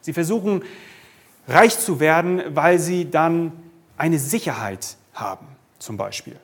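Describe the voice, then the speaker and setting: A man with a fairly high voice delivers a sermon as pastor. He talks straight to his listeners and poses rhetorical questions. Now and then he hesitates and fills the gap with a filler. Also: lively intonation, unhurried, a bit bright, husky. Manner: addresses the congregation directly with rhetorical questions.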